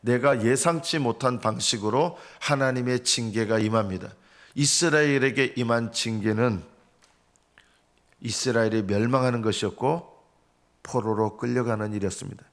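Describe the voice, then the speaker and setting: A male pastor delivering an early-morning sermon, speaking earnestly, rising to emphatic cries and dropping to hushed tones. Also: medium pitch, moderate pace. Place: church sanctuary.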